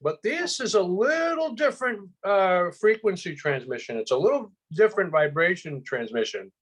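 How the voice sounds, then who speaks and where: A man in casual chat, telling his own experience in an excited, rambling way with many restarts. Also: high-pitched, normal speed. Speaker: guest. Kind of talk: casual chat, personal testimony.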